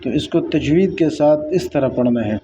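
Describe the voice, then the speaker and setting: A man's voice: a little high, expressive, dark tone. A man teaching a Quran recitation lesson, patiently repeating each sound and stretching out the recited words to demonstrate them. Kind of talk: tajweed lesson, explaining and reciting. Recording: dull lo-fi sound with faint background noise.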